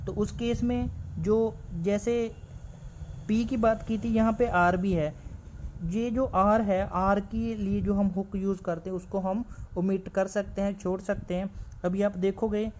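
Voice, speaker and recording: Guy teaching shorthand real slow, mellow voice, kinda dull lo-fi audio w a little hiss. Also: high-pitched, steady tone. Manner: slow and patient, repeats each word several times. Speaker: stenography teacher. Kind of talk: shorthand lesson, explaining while writing. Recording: slightly dull lo-fi recording with faint background noise.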